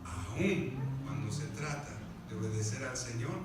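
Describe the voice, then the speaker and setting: A man preaching a sermon as pastor, moving from quiet asides to loud, fervent outbursts and calling listeners "brother" again and again. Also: mid-range voice, unhurried. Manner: addresses listeners as "hermano" constantly. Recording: echoey church room, mic far away, background noise.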